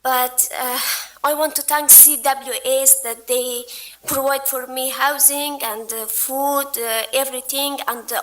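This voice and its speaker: A woman from Afghanistan giving a halting public comment at a city council meeting. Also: sits high, a bit bright. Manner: halting, many fillers.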